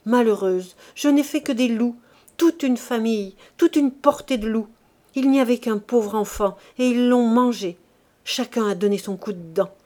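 A woman's voice: high voice, unhurried, darkish tone, voice pushed up. A woman voicing a haunted, furious old madwoman who cries out and raves in a singsong. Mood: raving. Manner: wild cries and singsong ravings.

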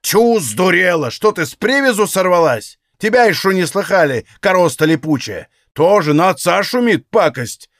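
A hot-tempered old Cossack father shouts and curses in a gruff, raised voice, as a man reading the story puts him on. The recording is dry and close. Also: a little high, very animated, moderate pace, few pauses, dry recording. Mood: furious.

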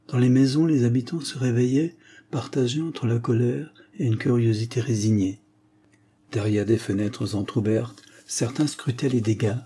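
A man reading an audiobook aloud in measured, even narration. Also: fairly low pitch, slightly rough. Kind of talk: scripted narration.

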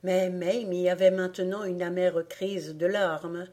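A woman narrating a storybook audiobook in a gentle, measured reading voice. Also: lowish voice, level tone. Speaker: audiobook reader.

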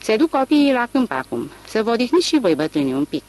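Reader doing a wry country peddler, questioning tone, lively pitch, storybook reading. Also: slight background noise, close to an everyday voice, low-quality recording.

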